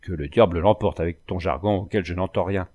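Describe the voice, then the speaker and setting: A man's voice: deep voice, a little fast, dull audio, voice pushed down. A man voicing an impatient, suspicious young lover asking blunt, exasperated questions.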